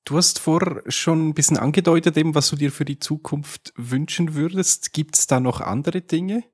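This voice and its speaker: A man's voice: fairly high pitch, normal speed, a little mellow, slightly rough. A man with a Swiss German accent hosting a podcast interview, asking questions casually and sometimes searching for words. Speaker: podcast host.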